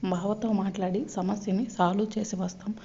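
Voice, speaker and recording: A woman's voice: mid-range voice, level tone, fairly quick, gravelly, warm tone, dull audio, a little hiss or hum, natural voice. A woman voicing an earnest young sister.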